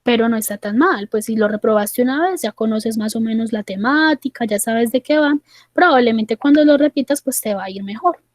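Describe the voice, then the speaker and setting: A woman quoting a calm male psychologist who patiently reassures his patient, in a dry recording. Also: fairly high pitch, brisk, no room sound, lightly acted. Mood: reassuring.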